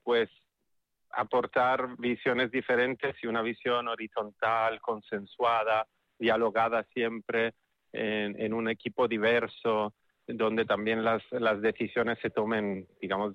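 Italian-accented man, lowish voice, thoughtful radio guest, dull dry sound. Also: no echo. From Italy. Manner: thoughtful, repeats words as he searches for them. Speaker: festival director and spokesperson. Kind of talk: radio interview.

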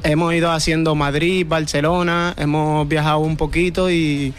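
A man, an urban music singer answering interview questions in a relaxed, earnest way. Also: fairly high pitch, normal speed, slight background noise. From Dominican Republic. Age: 20s.

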